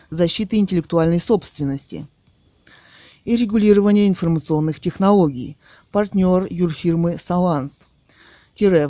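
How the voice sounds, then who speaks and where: A man's voice: high voice, mellow, no echo. A man dictating a written text in short separated phrases, speaking the punctuation aloud and correcting his slips as he goes.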